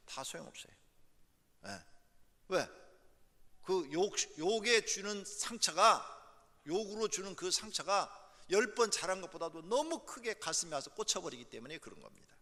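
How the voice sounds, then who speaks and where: A man's voice: high-pitched, bright, forceful tone. A male pastor preaching a sermon, emphatic, driving points home by repeating key words. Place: church sanctuary. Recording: echoey church hall.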